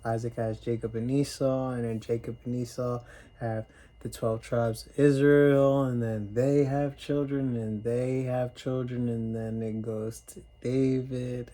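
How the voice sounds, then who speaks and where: A man casually retelling a Bible story as a sermon, in plain everyday speech and clearing his throat now and then. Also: mid-range voice, flat delivery, measured pace, dark tone, poor audio. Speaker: preacher.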